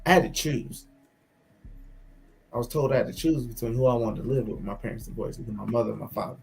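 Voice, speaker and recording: A man's voice: medium pitch, fast, creaky, a little mellow, soft background music. A man chatting casually and reflectively with friends as a co-host, candid and swearing freely, repeating phrases for emphasis. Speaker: co-host of a casual talk show.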